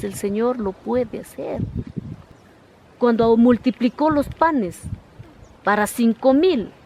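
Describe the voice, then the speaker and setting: A woman's voice: a little high, darkish tone, a little hiss or hum. A woman earnestly retelling Bible stories in a preaching way.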